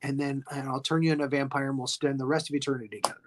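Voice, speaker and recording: A podcast host acting out a young woman vampire who schemes to live forever with her lover, in a low hushed voice. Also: flat delivery, racing, slight background noise, close to an everyday voice. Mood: urgent.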